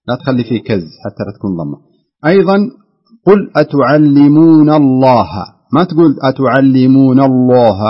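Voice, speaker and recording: Husky, quick-talking recitation teacher, man. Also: medium pitch, dull audio. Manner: patient, demonstrates sounds slowly. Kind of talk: correcting recitation on a call-in show.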